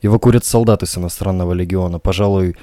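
A man reading a story voices a calm, steady man who speaks in a measured way. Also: low-pitched, no room sound, studio quality, natural voice.

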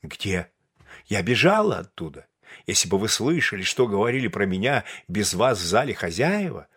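A man doing a capricious, theatrical young lady from an audiobook, who is full of reproach and self-pity. Her lines are read in the reader's own register, with a lively melody. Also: lowish voice, moderate pace, slightly rough, full character voice. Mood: reproachful. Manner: reproachful, self-pitying declarations. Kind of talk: audiobook character reading.

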